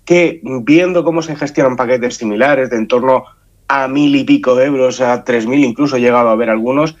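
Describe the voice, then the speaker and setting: A man's voice: mid-range voice, moderate pace. Radio guest: Spanish man, nasal head-cold voice, explanatory and conversational, dull lo-fi sound. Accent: Spanish from Spain. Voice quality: nasal, congested. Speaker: science outreach association spokesman, radio guest. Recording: muffled, dull band-limited sound.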